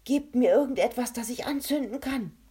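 A woman reading the lines of a desperate adult man trapped in a cave, who shouts urgent commands. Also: on the high side, steady tone, moderate pace, husky, voice pushed up. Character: desperate adult male adventurer.

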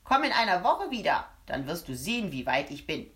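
A woman's voice: fairly low pitch, very animated, brisk. Woman voicing a spiteful little man. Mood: grumbling. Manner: shouting, sneering, gleeful cruelty. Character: spiteful little man who hates children. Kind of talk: audiobook character voice.

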